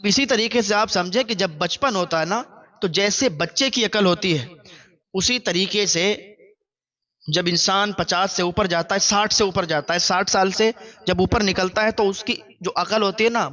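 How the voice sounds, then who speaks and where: A man tells a moral story in sermon form, earnest and exhorting. His high voice rings bright and forceful. The recording is dull and lo-fi. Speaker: preacher and storyteller.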